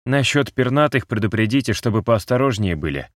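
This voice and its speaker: A man doing a sneering wounded captive in an audiobook, raised above a deep reading voice, lazy and unrepentant. The sound is dry and close, with no room around it. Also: expressive, fairly quick, no echo, natural voice. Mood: mocking. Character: mocking wounded male captive, jaw wired. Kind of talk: audiobook character voice.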